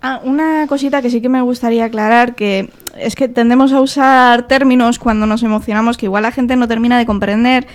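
Girl on local radio, kinda high voice, explaining stuff, trips on words. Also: steady tone, fairly quick, few pauses. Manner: explanatory, stumbles over words. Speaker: radio guest. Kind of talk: casual radio chat. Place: radio studio.

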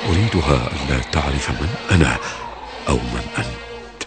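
An actor playing a humble, gentle caliph who speaks softly and gravely in a radio drama. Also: male voice, very deep voice, lively intonation, music in the background. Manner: soft-spoken, measured, grave. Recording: noisy old radio recording.

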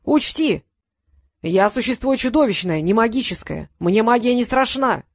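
A woman's voice: a little high, lively intonation, fairly quick, no room sound. A smug male sphinx monster, put on by a woman reading a storybook aloud, gloating and playful in a raised voice. The recording is dry and close, with no room sound. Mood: blustering. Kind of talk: audiobook reading.

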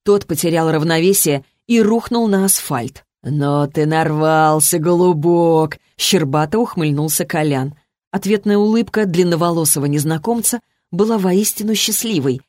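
A man narrating an audiobook in a steady, even storytelling manner. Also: high-pitched, moderate pace, dry recording, studio quality. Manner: steady, even storytelling with lightly voiced dialogue. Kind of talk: scripted narration.

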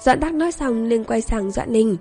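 Gravelly woman narrating an audiobook. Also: a little high, lively intonation, moderate pace, warm tone. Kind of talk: scripted narration. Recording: long reverb, faint music.

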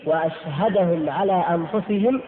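High-voiced man teaching in echoey hall. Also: normal speed. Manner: explains step by step, repeating key phrases; addresses listeners as brothers. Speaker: religious teacher. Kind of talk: audio lecture on creed. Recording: tinny, echoey hall recording with faint hiss.

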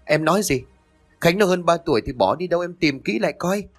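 A man doing an agitated, shouting father. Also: a little high, animated, a little fast, soft background music, voice pushed up. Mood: angry. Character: angry, worried adult father.

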